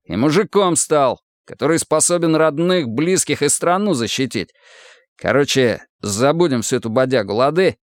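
Man doing a threatening slangy sergeant, raised voice, lively, dry audiobook sound. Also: a little high, moderate pace, no room sound, voice pushed up, close to an everyday voice. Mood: menacing. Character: coarse bullying male army sergeant.

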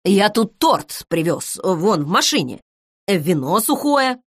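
A woman's voice: medium pitch, sing-song, takes it slowly, breathy edge, no echo, studio quality, exaggerated voice. A woman reading the part of an apologetic, hesitant 60-year-old retired male accountant.

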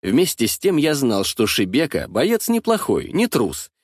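A man's voice: medium pitch, unhurried, no room sound. A man narrating a historical adventure audiobook in the first person, telling it expressively on a close studio mic. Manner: expressive, lively storytelling.

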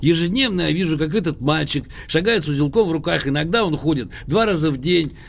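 An actor in an audio drama plays a cranky, boastful, litigious old English gentleman, emphatic, pompous and theatrical. The older character's creaky, husky voice is a little high, with lively intonation and a quick pace, and his mood is insistent.

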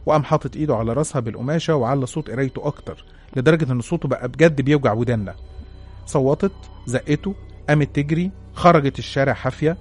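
A man's voice: medium pitch, rapid-fire, a little mellow, husky, faint music behind. A man with an Egyptian accent narrating a listener's horror story in the first person. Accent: Egyptian Arabic.

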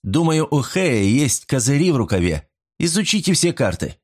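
A man voicing a sharp young woman detective who triumphantly accuses a card cheat. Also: mid-range voice, sing-song, moderate pace, pitched above the performer's own voice. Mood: sharp accusing.

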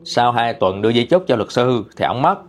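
A man with a Southern Vietnamese accent narrating a ghost story in a lively, colloquial way. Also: mid-range voice, normal speed.

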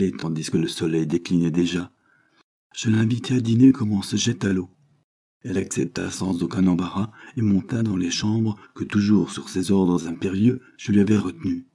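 A man with a low, warm voice narrates a classic novel as an audiobook. His reading is measured and expressive. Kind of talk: scripted literary narration.

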